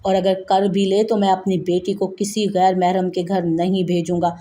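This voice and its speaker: A woman's voice: lowish voice, level tone, moderate pace, dark tone, natural voice. A woman reading as a stern, grave elder brother. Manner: grave, commanding.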